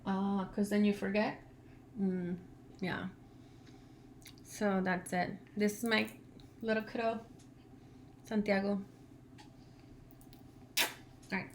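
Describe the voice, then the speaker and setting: A woman whose first language is Spanish, chatting casually in an animated, storytelling way as a vlog host. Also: medium pitch, takes it slowly, pauses often, slight background noise. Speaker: channel host, language learner.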